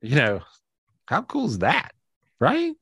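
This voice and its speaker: Leading a live spiritual session over video, a man speaks in a high-leaning voice whose pitch swoops wildly, slightly bright, with vocal fry, breathiness and no echo. He's a spiritual teacher and podcast host who chats enthusiastically and repetitively, restarting sentences with "and so" and elongating emphatic words.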